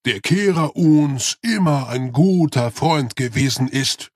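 A gentle giant of a yeti rumbles out his words very slowly, as a man puts him on. He jumbles his word order like a creature new to speech. The storybook sound is dry and close. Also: expressive, husky, dry recording. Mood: ponderous. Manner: slow, odd word order.

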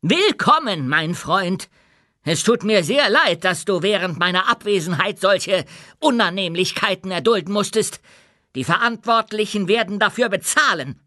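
A man voicing a commanding dwarf queen in an audiobook, speaking with loud, proud oratory. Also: high voice, expressive, measured pace, dry recording, clean studio sound, pitched above the performer's own voice, heavily acted. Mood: loud, welcoming. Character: commanding dwarf queen addressing her people. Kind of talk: audiobook character voice.

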